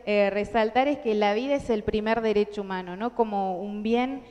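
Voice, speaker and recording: The recording is muffled and reverberant as a young Argentine woman speaks earnestly to a large audience in an indoor hall. Her darkish, mid-range voice moves at a moderate pace, and her conference talk has many fillers and restarts in her Argentine Spanish accent.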